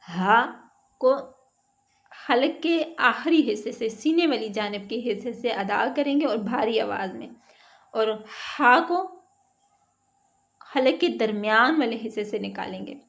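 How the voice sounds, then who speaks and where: A woman teaching Quran letter sounds, drilling syllables slowly one by one and then explaining how each is pronounced. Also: fairly high pitch, lively intonation, gravelly. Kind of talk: slow recitation lesson. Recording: dull lo-fi online lesson audio.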